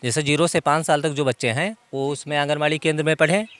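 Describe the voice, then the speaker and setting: A man with a somewhat high voice, standing outdoors in his village, answers a reporter's questions. He sets out facts and figures steadily and in detail. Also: fairly even intonation, fast talker, a bit bright, clear, resonant tone, no room sound. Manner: informed, explains in detail. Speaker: villager interviewee. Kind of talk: outdoor interview.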